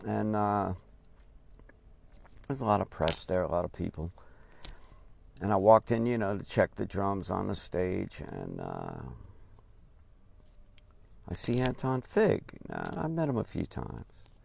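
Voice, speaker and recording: An older man telling a casual story about his drumming days, halting and unhurried, with many pauses and restarts. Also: low voice, sing-song. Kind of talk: casual spoken anecdote. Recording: noisy recording with clear background hiss.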